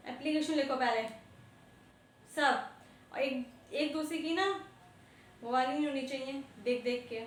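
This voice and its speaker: A woman's voice: high voice, unhurried, long pauses. A woman schoolteacher scolding her class in a stern tone, mixing in English words. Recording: echoey classroom, faint background noise.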